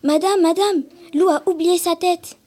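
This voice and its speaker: A woman reading aloud, voicing an excited little schoolgirl who talks insistently and breathlessly. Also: sits high, fairly quick, voice pushed up, close to an everyday voice. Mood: eager.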